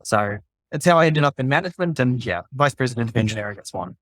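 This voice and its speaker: A man's voice: mid-range voice, animated, fast, no echo. A middle-aged man from New Zealand, a podcast guest explaining his background step by step in casual conversation. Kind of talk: casual chat.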